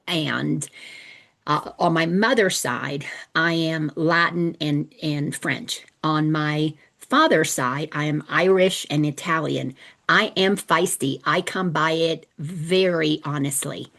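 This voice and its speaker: Slow-paced and gravelly, a low-voiced middle-aged Dominican woman leads an informal spiritual teaching session. Her warm, chatty storytelling often doubles back as she restarts sentences.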